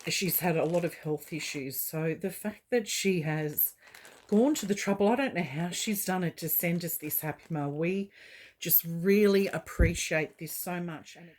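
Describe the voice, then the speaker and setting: A woman hosting a doll collecting channel, talking gently and haltingly with frequent fillers as she opens a parcel. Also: on the low side. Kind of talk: unboxing vlog chat.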